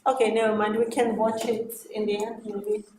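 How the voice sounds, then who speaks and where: A woman from Armenia, a native Armenian speaker, presenting her project at a conference with a friendly, halting, often laughing manner. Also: medium pitch, flat delivery. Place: conference hall. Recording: echoey hall with faint noise.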